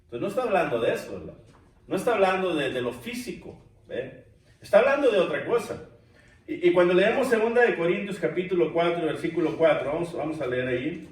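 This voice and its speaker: A man's voice: a little high, lively intonation, fairly quick. A man teaching a church bible class, addressing the listeners as brothers and putting questions to the class. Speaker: preacher. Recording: distant mic in echoey church room.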